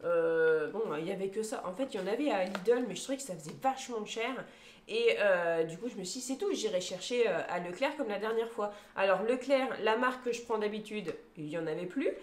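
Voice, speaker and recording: At home, a woman in her thirties shows off her grocery haul to her phone camera, naming each item in turn. Her medium-pitched voice is animated and brisk, the sound is reverberant, and her chatty talk is full of hesitation fillers.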